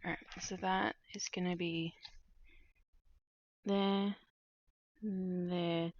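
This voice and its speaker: A woman's voice: fairly low pitch, no room sound, highs cut off. A woman chatting casually on a live stream while she stitches at home at night, thinking aloud with lots of fillers, her voice getting a little worn. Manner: relaxed, unhurried, thinking aloud with many fillers. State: starting to lose her voice.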